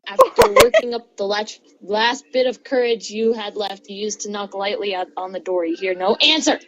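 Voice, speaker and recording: With a very animated, mid-range voice at a moderate pace, a young woman reads fan fiction aloud, giggling, stumbling over words and making joking asides. The dull lo-fi recording clearly catches her friends chattering and laughing nearby.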